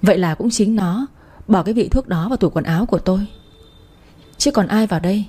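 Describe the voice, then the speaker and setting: A woman doing a calm reasoning young wife. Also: mid-range voice, fairly quick, slightly rough, lightly acted. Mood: calm explaining.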